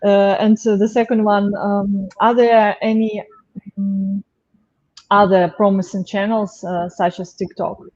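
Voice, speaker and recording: A woman hosting an interview, asking questions hesitantly with many pauses and restarts. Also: medium pitch, level tone, darkish tone, muffled recording. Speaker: host.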